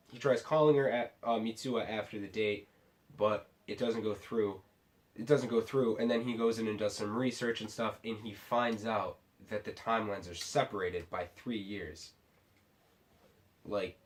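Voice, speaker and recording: Tipsy low-voiced man rambling through a review. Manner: rambling, halting, repeatedly restarts sentences. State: tipsy from drinking sake. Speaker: film reviewer. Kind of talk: casual unscripted movie review.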